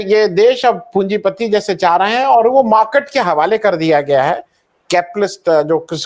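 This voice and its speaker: High-voiced male author, measured and critical. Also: darkish tone. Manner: measured, hesitant with fillers, critical. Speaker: author and panel guest. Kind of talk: panel discussion.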